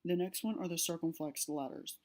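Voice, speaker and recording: A woman's voice: lowish voice, steady tone, a little fast, darkish tone. A woman narrating a slide-based language lesson, explaining step by step with fillers and self-corrections. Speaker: language teacher.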